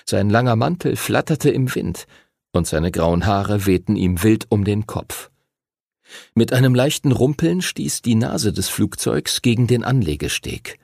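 A man's voice: on the low side, a little slow, vocal fry, no echo. A man narrating an audiobook expressively, close to the mic. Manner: expressive, voices characters. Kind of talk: scripted narration.

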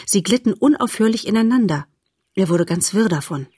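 Husky woman reading a children's story. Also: medium pitch, a little fast, dry recording, clean studio sound. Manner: lively, expressive storytelling. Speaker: audiobook narrator. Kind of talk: scripted narration of a children's novel.

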